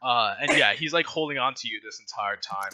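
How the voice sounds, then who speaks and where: A man's voice: medium pitch, brisk, pushed and bright, slight background noise. A man narrating as game master in a tabletop game, loose and rambling, often breaking into laughter.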